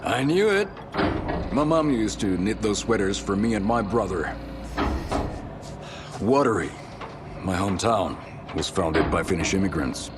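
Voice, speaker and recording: Game role: chatty male townsman, lower register, very animated intonation, eager, friendly, noisy surroundings. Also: measured pace, long pauses. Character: friendly, excitable small-town local man. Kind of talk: video game voice acting.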